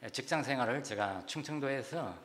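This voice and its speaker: A middle-aged man from Gyeongsang with a Gyeongsang accent, preaching a sermon in a church and chatting warmly, often saying "ye" between phrases. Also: medium pitch, expressive, brisk, noisy background. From South Gyeongsang, Korea. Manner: warm, chatty preaching with frequent "ye" fillers. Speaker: pastor. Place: church sanctuary. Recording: long hall reverb.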